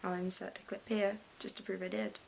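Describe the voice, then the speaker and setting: A woman's voice: mid-range voice, flat delivery, brisk, vocal fry, very noisy. A teenage girl with an English accent, rambling about politics in a casual vlog and often restarting her sentences. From England. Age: late teens. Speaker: vlogger.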